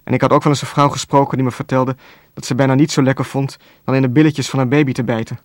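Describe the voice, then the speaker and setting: A man reading a novel aloud as narrator, in a calm, even storytelling voice with a dry wit. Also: medium pitch, quick pace, no room sound. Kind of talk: scripted audiobook narration.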